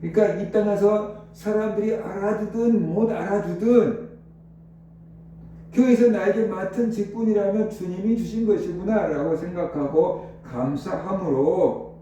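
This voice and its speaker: A man preaches a sermon to his congregation, pressing his points with rhetorical questions. His voice is pitched fairly high but sounds mellow and dark. He is heard from a distance across a very reverberant hall with a faint hum beneath. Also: a little slow. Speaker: pastor. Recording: very echoey hall, voice from far off.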